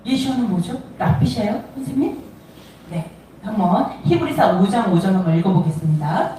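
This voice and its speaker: A woman's voice: mid-range voice, animated, moderate pace, dark tone. A woman preaching a sermon, talking animatedly with laughs and acting out quoted dialogue. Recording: echoey room, voice from a distance, faint noise.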